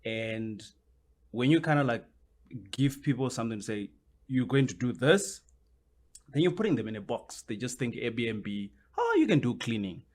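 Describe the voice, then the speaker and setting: A man's voice: mid-range voice, moderate pace, pauses often. A man, a guest on a podcast interview, explaining his points at length and often circling back with "which basically means".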